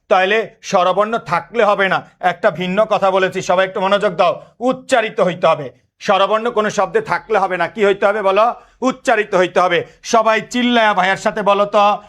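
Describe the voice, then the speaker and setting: High-voiced man drilling students. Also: a bit bright. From Bangladesh. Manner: drills students with repeated questions. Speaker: teacher. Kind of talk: lecture.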